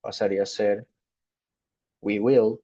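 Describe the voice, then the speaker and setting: Guy teaching grammar real slow, keeps saying ok, kinda dull sound. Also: fairly low pitch, little pitch movement, warm tone, slightly rough. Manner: slow, repeats "ok" to check understanding. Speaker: English teacher. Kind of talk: spoken grammar lesson.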